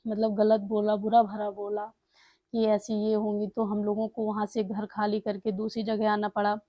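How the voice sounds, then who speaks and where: A woman's voice: mid-range voice, warm tone, dry recording. A woman casually telling a family story, retelling the dialogue in her plain voice with fillers and restarts.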